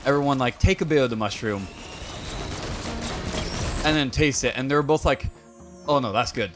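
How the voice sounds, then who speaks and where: A man's voice: mid-range voice, moderate pace, music in the background. A young adult man streaming a game, telling rambling, joking stories to his viewers with plenty of filler words. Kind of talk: casual chat with stream viewers.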